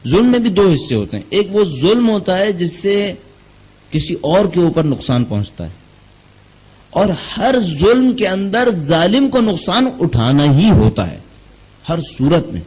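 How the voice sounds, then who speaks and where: A man's voice: sits high, very animated, a little mellow, breathy edge, low-quality recording. A man delivering a Quran commentary lecture, asking rhetorical questions and telling anecdotes to make his points. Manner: rhetorical questions, tells jokes as examples. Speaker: religious lecturer.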